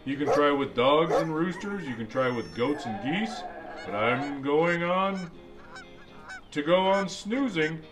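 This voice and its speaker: A man voices a jolly Santa Claus, his voice a little high, animated, and slow. Reading a picture book to kids, he exclaims playfully and insistently, slipping chatty remarks between the lines. Music plays under this animated read-aloud.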